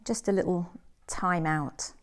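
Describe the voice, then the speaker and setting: A yoga teacher with a lowish voice guides a relaxation session. Her manner is gentle and soothing, and she pauses between carefully measured phrases.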